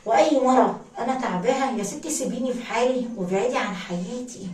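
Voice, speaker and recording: A woman's voice: a little high, quick pace, a little mellow. A woman with an Egyptian accent telling a story in a chatty way, addressing her viewers fondly and swearing oaths as she goes. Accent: Egyptian Arabic. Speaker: storyteller and vlogger. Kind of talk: casual storytelling while doing housework. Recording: echoey room, distant from mic, clear background noise.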